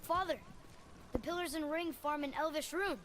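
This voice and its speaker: A man's voice: very high voice, moderate pace, fairly bright tone, a little hiss or hum. A young male actor playing a curious, earnest boy, a warrior's son, in a video game, eager and questioning. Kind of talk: cinematic video game acting.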